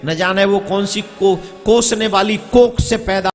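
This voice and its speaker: A man's voice: sits high, steady tone, unhurried. A man giving a devotional sermon to a live crowd, telling a story, acting out its characters and scolding the listeners. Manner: scolds and exhorts the audience. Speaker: religious storyteller. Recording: echoey hall with music.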